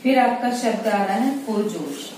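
A woman teaching shorthand step by step, patiently repeating each word slowly as she writes it. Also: medium pitch, animated, a little mellow. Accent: Indian Hindi. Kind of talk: step-by-step tutorial explanation. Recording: distant mic in a very echoey room with faint noise.

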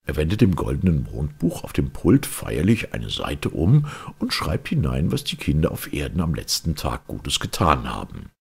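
With a husky, gravelly bass voice, a male audiobook reader narrates a children's fairy tale. His delivery is expressive and carefully measured.

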